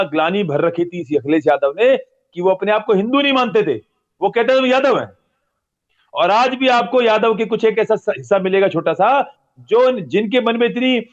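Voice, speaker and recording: A religious man answering an interviewer with heated, repetitive and accusatory talk. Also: sits high. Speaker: religious guest. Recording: dull lo-fi audio.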